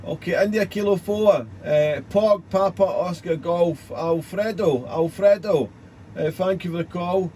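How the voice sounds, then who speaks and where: A man working as an amateur radio operator, deliberately spelling out call signs in phonetic alphabet and repeating himself. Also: high voice, dark tone, slight background noise. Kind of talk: ham radio exchange with phonetic alphabet and signal reports.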